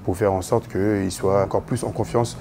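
A man with a gravelly voice, a fitness coach, speaking in a measured way in a documentary interview. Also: fairly low pitch, fairly even intonation, dark tone. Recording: music bed under the voice.

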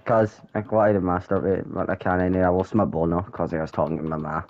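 A young man joining a friend's gaming session, trading crude, animated banter. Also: low-pitched, fast, highs cut off. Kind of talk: casual gaming chat.

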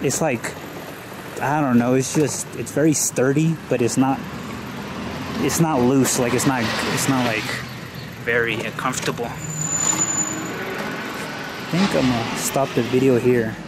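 A young travel vlogger from Los Angeles talks casually to an arm's-length camera as he cycles one-handed outdoors through the city, short of breath and rambling with many fillers and restarts. His medium-pitched voice is steady and measured, with frequent pauses, against loud traffic noise.

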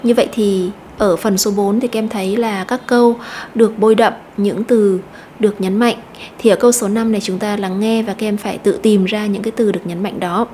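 A woman teacher explaining an English lesson step by step, slowly repeating each word to stress. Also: medium pitch, steady tone, dark tone, a little hiss or hum. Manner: methodical, repeats words slowly.

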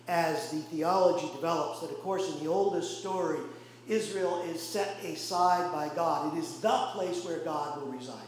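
A male pastor preaching a sermon with impassioned rhetorical questions and pauses, recorded in a church. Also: on the high side. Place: church sanctuary. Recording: very echoey church room, faint hum.

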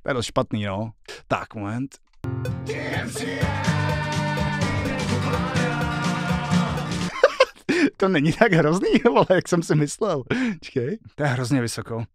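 A man's voice: mid-range voice, very animated. A male streamer at home, chatting casually and joking with a lot of swearing while he works out a song. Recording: loud guitar music behind the voice.

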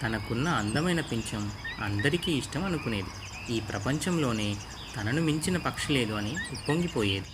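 A man narrating a children's story in a clear, measured storytelling manner. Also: medium pitch, animated. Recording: noisy with insect and bird ambience.

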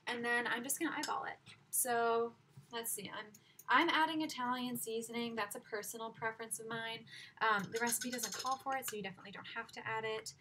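In a cramped home kitchen, a young woman demonstrates a recipe in a relaxed, cheerful manner while walking around. Her fairly high voice keeps a mostly even intonation at a slightly quick pace. Recorded at a distance on a laptop webcam, the clip carries loud cooking noise and clicks.

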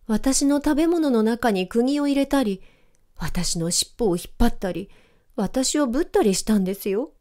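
A woman's voice: a little high, animated, normal speed, mellow, pitched above the performer's own voice, close to an everyday voice. A woman voicing a sly, whining, two-faced cat in a storybook reading. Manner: whining, falsely sweet.

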